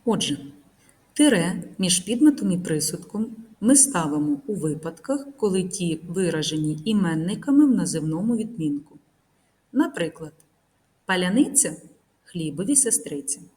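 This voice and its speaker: A woman teacher narrating a recorded grammar lesson, reading example sentences slowly and carefully. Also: on the low side, big pitch swings, warm tone. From Ukraine.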